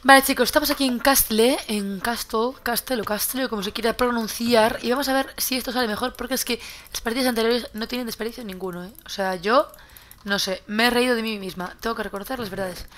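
A young Spanish gaming YouTuber with a Spanish accent gives casual gameplay commentary in a fairly high, quick, slightly bright voice. She chats away, repeats words as she loots, and swears when something surprises her.

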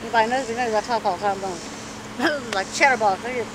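A middle-aged woman chatting candidly in a street interview, animated and talkative, in an outdoor parking lot. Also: fairly high pitch, quick pace. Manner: animated, chatty, acts out quoted voices. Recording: street noise in the background.

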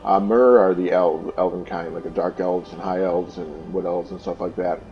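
A man's voice: sits low, steady tone, moderate pace, dull audio, soft background music. A man hosting a game playthrough, reading a book aloud plainly and stopping to explain things with casual fillers. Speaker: let's play host.

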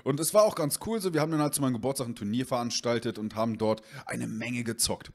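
A young man tells a funny story to his camera in a loose, rambling way. He uses lots of fillers and acts out the back-and-forth. His voice sits at an ordinary pitch. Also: fast talker. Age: young adult. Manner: rambling with fillers, reenacts dialogue. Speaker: vlogger. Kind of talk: casual storytelling.

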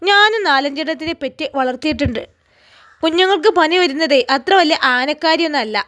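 A woman's voice: high-pitched, a little fast, a bit bright. A woman doing a scornful Malappuram mother-in-law. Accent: Malappuram Malayalam. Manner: mocking, scolding. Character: scornful older mother-in-law, stingy, sharp-tongued.

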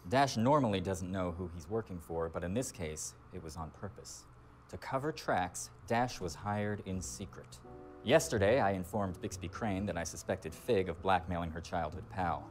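Man doing hard-boiled detective, very deep voice, dry wisecracks, noir game narration, faint music under it. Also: moderate pace, close to an everyday voice. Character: hard-boiled male noir detective, wry and world-weary. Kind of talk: 1940s noir voice-over narration.

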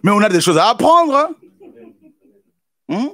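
A man preaching a sermon as pastor, with repeated exclamations and bursts of shouting. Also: sits high, big pitch swings, unhurried, dry recording.

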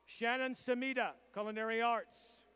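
A strikingly high-voiced man, clear and resonant in tone, calls graduates one by one at a college commencement. He reads the names and programs in a steady, formal, measured roll call, taking care over each pronunciation.

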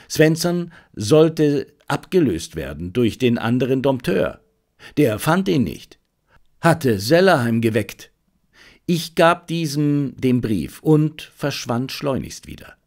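In an audiobook, a man gives voice to a gentleman amateur detective who is confident, self-assured, and commanding, with a reflective streak. His pitch sits in the middle range and he is very animated yet takes his time, with a mood of brisk reporting.

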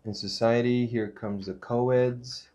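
A man in his thirties hosting a casual unboxing vlog, reading titles off with small relaxed asides. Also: mid-range voice, slow pace, noisy background. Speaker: channel host unboxing a disc set.

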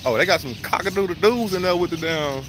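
A man vlogging live at an outdoor zoo, joking loudly in slangy banter. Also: high voice, fast talker, background noise. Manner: loud, joking, slangy banter with frequent laughs. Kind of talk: casual live vlog.

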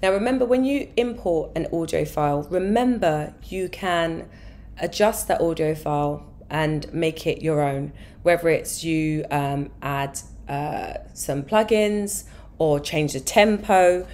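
Hoarse woman explaining a music tutorial. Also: sits low, measured pace. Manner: relaxed step-by-step explaining with fillers. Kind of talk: software tutorial.

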